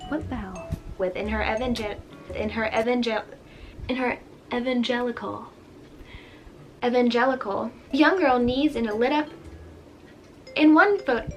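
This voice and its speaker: A teenage girl recording narration for a school project, stumbling, restarting lines and muttering asides to herself. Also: high voice. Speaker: student vlogger. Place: bedroom.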